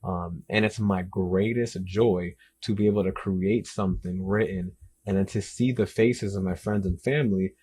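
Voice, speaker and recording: Young man, husky, lowish voice, casual author Q&A, excited, repetitive. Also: normal speed. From Dominican Republic and the US Northeast and South. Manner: enthusiastic, repetitive, lots of "literally" and "like". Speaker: author answering interview questions. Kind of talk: casual self-interview Q&A.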